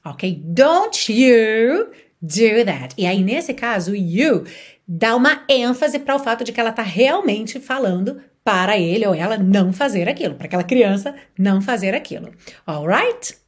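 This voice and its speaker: Lively Brazilian woman teaching English. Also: medium pitch, moderate pace, husky. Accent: Brazilian Portuguese. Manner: explains patiently, asks the viewer questions, acts out example phrases. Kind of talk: Portuguese-language English lesson.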